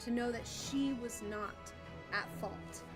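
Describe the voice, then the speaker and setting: A woman talking casually as a player in a tabletop role-playing game, giggly and excitable. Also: a little high, takes it slowly. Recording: music playing behind. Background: background music.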